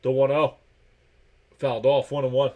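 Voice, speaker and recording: A man in a relaxed live stream calls pitches and ball-strike counts as they happen. His voice sits in an ordinary middle range and his delivery stays chatty and easygoing. Between pitches he greets viewers by name in an offhand way. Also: normal speed, phone-quality sound. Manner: calls pitches and counts while reading out chat messages. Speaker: live game reaction streamer. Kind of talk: casual live play-by-play commentary.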